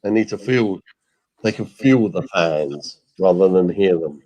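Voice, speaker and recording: A man's voice: low voice, lively intonation, a little slow, dark tone, low-quality recording. A man from England co-hosting a casual football watchalong, joking and calling the play. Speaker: co-host.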